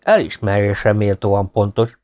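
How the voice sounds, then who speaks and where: A man's voice: lowish voice, fairly even intonation, a little mellow, lightly acted. A man voicing a cocky young marquis in the legion, coolly amused and mocking in an audiobook story.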